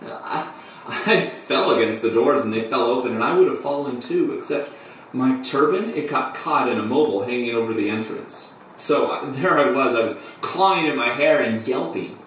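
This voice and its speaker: An actor playing a flamboyant man who tells his story in a halting, breathless theatrical monologue. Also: mid-range voice, expressive, fairly bright tone, natural voice. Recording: echoey room, distant mic, faint hum.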